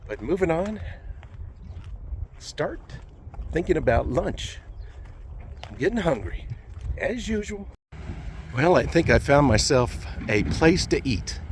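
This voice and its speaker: A man narrating a casual walking vlog with an easygoing, chatty way of thinking aloud, his voice still rough from the morning. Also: mid-range voice, very animated, unhurried, pauses often, slight background noise. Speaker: vlogger. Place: outdoor plazas and market.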